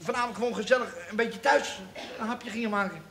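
A man's voice: high-pitched, fast, crowd noise, lightly acted. A man playing a sheepish, mock-suffering husband. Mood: plaintive. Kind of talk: stage farce acting. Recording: loud studio audience laughter. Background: live audience laughing.

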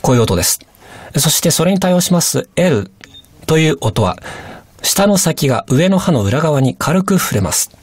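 A male teacher explains patiently and politely for a radio language lesson. His pitch moves in a lively, animated way. The sound is dry and close. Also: normal speed, no room sound.

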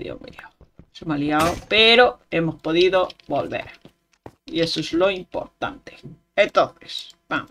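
A streamer, giving casual gameplay commentary and talking to themselves, with sudden excited outbursts. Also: mid-range voice. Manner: chatty self-talk with sudden excited outbursts.

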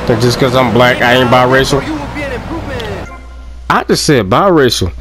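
A young man giving loud, profane, joking let's play commentary and laughing often. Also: medium pitch, measured pace, music in the background. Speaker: gameplay commentator.

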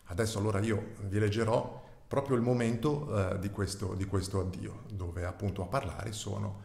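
A man's voice: on the low side, steady tone, moderate pace, gravelly, a little mellow. Give me a hesitant man introducing his novel, in a roomy echo. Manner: hesitant, many filler sounds. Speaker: author. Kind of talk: presenting and reading his novel.

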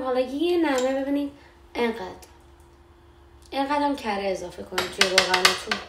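A young woman hosting a cooking show at home, chatting casually as she explains each step. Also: on the high side. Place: home kitchen. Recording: echoey kitchen, faint background noise.

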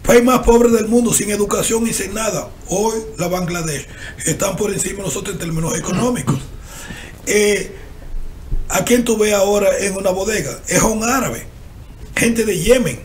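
A man's voice: high-pitched, normal speed, echoey room. An older man, arguing animatedly with rhetorical questions on a TV panel show, recorded on a desk mic in a studio with faint hiss. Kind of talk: TV panel discussion. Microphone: desk microphone.

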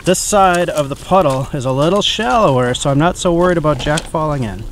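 A woman's voice: sits low, expressive, a little fast. Cheerful woman filming on a noisy beach. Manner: cheerful, encouraging, talks to the kids watching. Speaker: parent filming a child's toy play. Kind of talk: casual off-camera narration to young viewers. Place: outdoors on a shell-covered beach. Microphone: camera mic behind the lens. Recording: noisy outdoor audio with wind and water.

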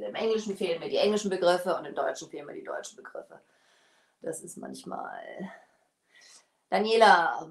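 A woman's voice: lowish voice, distant mic. A woman in her forties hosting a live furniture painting tutorial, chatting while she works at her bench. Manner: chatty, bent over her work while talking. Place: small workshop studio, indoors. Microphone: far camera, no mic seen. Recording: echoey room, voice off-mic.

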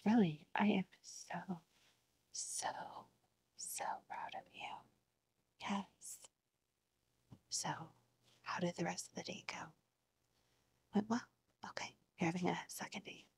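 A woman's voice: lowish voice, fairly even intonation, takes it slowly, long pauses, darkish tone. Whispering woman in a soothing therapist role-play. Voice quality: breathy whisper. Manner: soothing, encouraging therapist manner. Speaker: ASMR performer playing a therapist. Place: living room at home, seated on a couch.

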